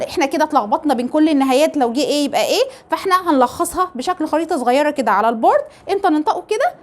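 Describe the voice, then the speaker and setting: A woman with an Egyptian Arabic accent teaching English pronunciation, explaining step by step and asking rhetorical questions. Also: high voice. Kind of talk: phonetics lesson.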